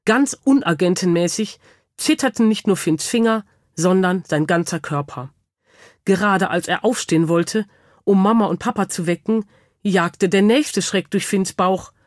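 A woman narrating a children's audiobook with lively, expressive storytelling. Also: medium pitch, a little slow, no echo, clean studio sound.

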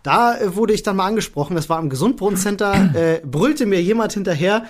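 A man with a fairly high voice tells stories in a relaxed podcast chat. He is easygoing and a bit hesitant, with plenty of fillers. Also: a little fast. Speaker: podcast co-host. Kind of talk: casual chat.

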